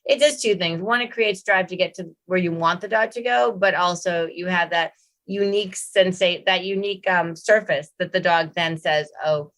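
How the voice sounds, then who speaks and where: A woman dog trainer hosting a casual roundtable, telling lively stories and acting out what dogs think. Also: on the low side. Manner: animated storyteller, acts out dogs' thoughts in quick voices. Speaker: dog trainer, show host.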